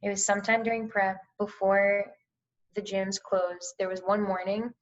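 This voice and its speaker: A woman's voice: medium pitch, little pitch movement, moderate pace, highs cut off. A woman, a bodybuilder guest on a podcast, chatting frankly and expressively and swearing freely. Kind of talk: casual podcast chat.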